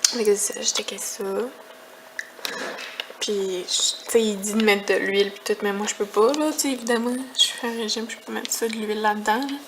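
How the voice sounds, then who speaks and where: A woman's voice: mid-range voice, fairly even intonation, a little fast, noisy background. A young woman with a Quebec French accent chatting casually in a home vlog, rambling and complaining with disgust. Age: young adult. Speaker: vlogger.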